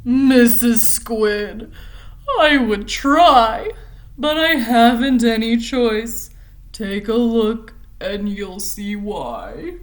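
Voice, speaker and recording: Woman doing a slow mournful pouting fish. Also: on the high side, expressive. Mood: gloomy singsong. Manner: slow, drawn-out, mournful singsong. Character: glum gloomy male fish who pouts. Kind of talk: picture book read-aloud.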